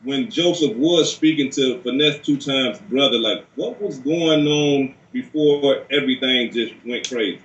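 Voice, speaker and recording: A man's voice: medium pitch, a little slow, few pauses, a bit bright. Distant, echoey male interviewer. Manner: probing, asks for clarification. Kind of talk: informal interview questioning. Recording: distant, echoey, muffled room sound.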